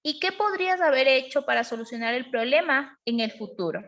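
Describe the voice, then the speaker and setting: A high-pitched woman leads a parenting lesson. She explains patiently and keeps asking her listeners whether they follow. The sound is dull and lo-fi. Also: expressive, a little fast, a bit bright. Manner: explanatory, asks frequent checking questions. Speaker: parenting educator. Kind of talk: online class on emotional parenting.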